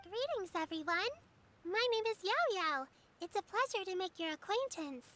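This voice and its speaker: A polite, high little girl. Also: big pitch swings, moderate pace, pushed and bright, no echo, heavily acted. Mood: caring. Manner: formal, motherly, well-mannered. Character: polite, caring little girl from the harbor region. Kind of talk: video game dialogue.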